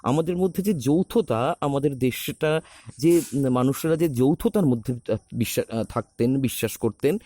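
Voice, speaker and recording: A theatre director and actor talking reflectively, with many pauses and restarts, recorded on a phone. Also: male voice, medium pitch, dark tone, no room sound. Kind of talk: recorded talk on a podcast.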